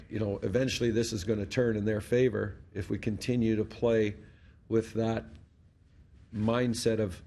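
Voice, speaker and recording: A lowish, mellow voice with vocal fry belongs to a middle-aged Canadian hockey head coach answering reporters after a game. He talks into a desk mic on a stand in a press conference room with a sponsor backdrop behind him. His manner is blunt and matter-of-fact, and he frequently restarts words.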